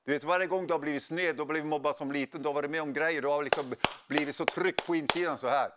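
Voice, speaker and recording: A middle-aged man preaching a sermon, telling stories in an animated way with casual slang. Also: on the high side, heavy background noise. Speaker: pastor. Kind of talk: sermon with storytelling.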